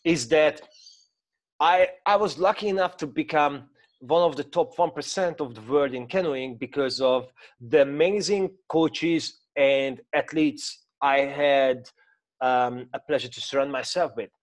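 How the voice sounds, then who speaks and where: A man's voice: a little high, a little slow. Hungarian-accented man coaching with many fillers. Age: 30s. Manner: hesitant, many fillers and restarts, non-native grammar. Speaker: mindset coach. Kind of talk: informal talk to camera with screen-share explanation.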